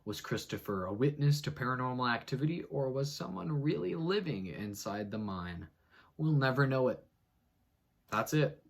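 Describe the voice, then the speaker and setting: This man's creaky voice has lively intonation and a normal pace as he hams up an article reading. Theatrical throughout, he alternates booming passages with sarcastic asides under his breath.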